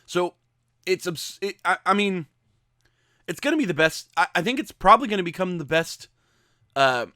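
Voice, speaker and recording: A man co-hosting a podcast, chatting casually and weighing his opinions out loud. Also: high-pitched, animated, moderate pace, pauses often, no echo, clean studio sound. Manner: thoughtful, hedging. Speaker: podcast co-host. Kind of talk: casual chat.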